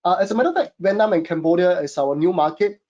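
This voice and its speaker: This e-commerce consultant from Singapore talks fast in a high-pitched, darkish voice, and the sound is lo-fi. Speaking with a Singaporean English accent, he runs a webinar from a home studio, chatting casually with plenty of fillers and addressing everyone as "guys."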